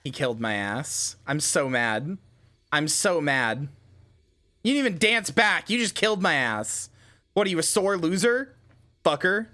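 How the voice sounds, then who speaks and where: A man's voice: on the high side, animated, unhurried. Rambling, foul-mouthed man streaming a game. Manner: rambling, full of fillers, swears and loud outbursts. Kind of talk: casual gameplay commentary.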